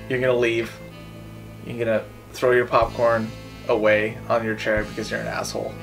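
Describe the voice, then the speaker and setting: A man in a casual film review chat, meandering and halting, with some swearing. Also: medium pitch, flat delivery, creaky, over music, poor audio. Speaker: film review show co-host.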